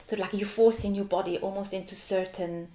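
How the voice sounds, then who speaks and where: A contemporary dancer in her forties, Swiss and German-speaking by birth, gives an animated, casual interview with lots of laughs and "like." She speaks a little fast at medium pitch, with fairly even intonation and a dark tone in a roomy-sounding space.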